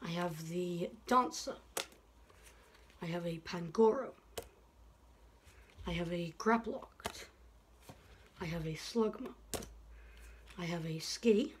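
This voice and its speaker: A woman's voice: lowish voice, slow, pauses often, slight background noise. A woman chatting casually while opening card packs, rambling with lots of fillers, in an indoor room by a window. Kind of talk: casual unboxing chat.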